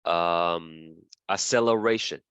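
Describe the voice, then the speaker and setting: Male lecturer, low voice, dry dull capture, keeps checking in with the class. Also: slow pace, fairly bright tone, clean tone, no room sound. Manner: checks in often with "okay?" and "right?"; repeats key terms while drawing.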